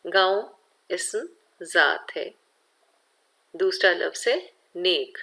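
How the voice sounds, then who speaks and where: A woman with a Pakistani Urdu accent teaches a grammar lesson to young pupils at an unhurried, deliberate pace. Her voice sits a little low for a woman, and she explains each point patiently while speaking straight to her class. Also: bright, forceful tone. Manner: slow, careful explaining, addresses students directly. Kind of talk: recorded grammar lesson for children.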